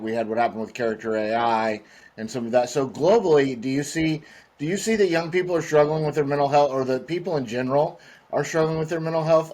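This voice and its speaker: A man's voice: mid-range voice, a little mellow. A man hosting a podcast, conversational and friendly, asking long questions. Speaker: podcast host. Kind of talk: casual interview talk.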